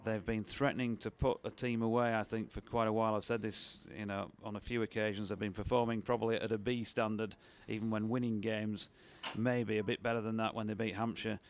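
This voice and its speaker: Bloke calling cricket on radio, lowish voice, easygoing and chatty. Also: male voice, a little fast, hardly any pauses, slight background noise. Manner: relaxed, chatty, with fillers and laughs between balls. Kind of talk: ball-by-ball radio commentary.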